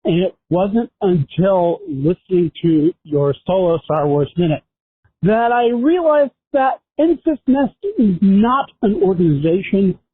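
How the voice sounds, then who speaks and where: Slow, husky caller on a phone line. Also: mid-range voice, lively intonation. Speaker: caller leaving a message.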